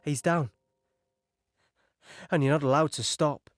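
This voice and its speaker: An actor playing a young British signaller recounting a beach landing in an audio drama, halting and shaken. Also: male voice, a little high, fairly even intonation, dry recording, natural voice. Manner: halting, shaken, recalling horror in present tense.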